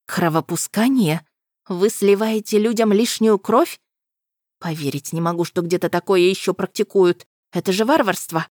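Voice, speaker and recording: A woman's voice: medium pitch, normal speed, no echo, studio quality, close to an everyday voice. A woman voicing a fierce, defiant young medic who snaps back sharply in an audiobook. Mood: outraged. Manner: sharp, commanding.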